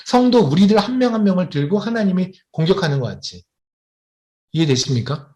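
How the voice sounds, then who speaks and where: A man preaching a sermon as a missionary, who keeps asking his congregation questions and slows down to stress key points. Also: high voice. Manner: animated, asks the congregation questions often.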